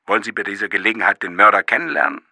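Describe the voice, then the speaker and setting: A man voicing a pushy police sergeant with a rough, gravelly voice, who insists and sometimes drops to a confiding whisper. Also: fairly low pitch, very fast, sharp tone, dry recording, clean studio sound, voice pushed up.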